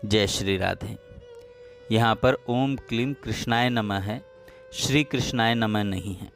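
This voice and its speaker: A man narrating a devotional story in a calm, measured reading voice. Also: lowish voice, faint music behind.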